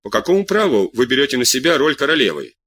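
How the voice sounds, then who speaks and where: A man's voice: mid-range voice, very animated, fast, a bit bright, a little hiss or hum. A man voicing a jealous, imperious queen who speaks drily and with irony. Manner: dry, ironic.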